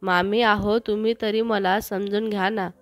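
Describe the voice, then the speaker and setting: A woman's voice: medium pitch, little pitch movement, a little slow, dry recording, soft background music, natural voice. Shy young woman, hesitant and pleading, read by a woman; dry sound.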